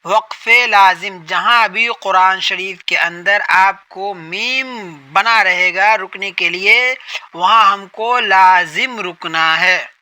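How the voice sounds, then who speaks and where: A man's high voice comes across pushed and bright in a low-quality recording. Teaching Quran reading, he repeats each idea and raises questions that he answers himself.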